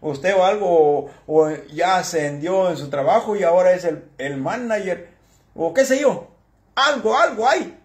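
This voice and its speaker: A man's voice: sits high, unhurried. A man talking casually to camera as a channel host, telling stories animatedly and acting out what other people said. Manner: animated storyteller who acts out other people's lines.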